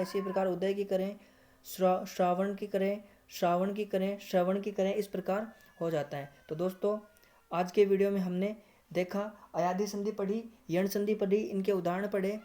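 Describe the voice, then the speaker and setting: A man's voice: sits high, mellow. A male teacher giving a screen-recorded grammar lesson. He repeats words, keeps addressing viewers as friends and corrects himself as he goes. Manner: corrects himself mid-explanation. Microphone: screen recorder app.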